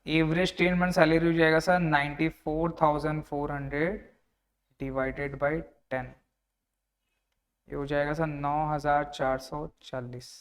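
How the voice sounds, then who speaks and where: A man's voice: a little high, level tone, unhurried. A young male tutor, giving an online lecture that works through a problem step by step, talking conversationally and repeating each figure. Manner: conversational, addresses students as "sir", repeats figures. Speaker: tax tutor.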